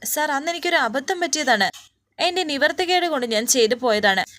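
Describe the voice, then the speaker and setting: A woman's voice: sits high, animated, a little fast, fairly bright tone. A woman voicing a pleading, desperate working man. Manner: humble, pleading.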